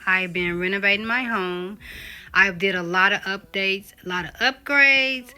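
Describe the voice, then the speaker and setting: Female vlog host, very bright and smooth, chatty and gushing, like a proud home reveal. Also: mid-range voice. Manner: chatty, addresses viewers as guys. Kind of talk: casual vlog intro to camera.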